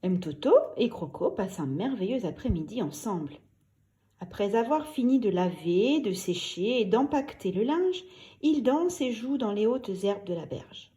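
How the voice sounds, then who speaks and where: With a medium pitch and moderate pace, a woman brings a children's story to life as she reads it aloud, using an animated, expressive storytelling style.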